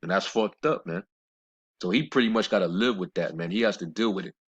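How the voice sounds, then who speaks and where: A deep-voiced man rambles through scripture commentary, full of fillers and blunt, scornful asides. He reads the verses in a slower, measured cadence. The recording sounds dull and lo-fi. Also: husky. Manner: rambling, with many fillers and restarts. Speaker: religious commentator.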